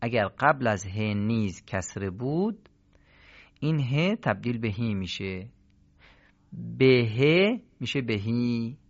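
A man teaching the rules of Quran recitation in a radio lesson, patiently explaining and drawing out example words slowly. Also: medium pitch, expressive, muffled recording.

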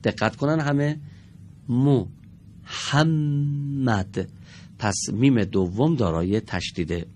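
A man teaching a televised classroom lesson in a studio, patient and encouraging with the pupils, drawing out each example word slowly and deliberately. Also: lowish voice, lively intonation, darkish tone, a little hiss or hum.

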